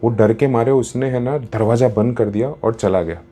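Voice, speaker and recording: A man's voice: mid-range voice, normal speed, warm tone. A man telling a story in a casual, chatty way, mixing in English words, as a storyteller and happiness coach.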